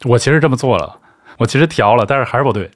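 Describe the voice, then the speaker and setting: A man's voice: medium pitch, expressive, rapid-fire, dry recording, studio quality. A man hosting a podcast, asking curious questions and telling anecdotes in a casual tone. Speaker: podcast host.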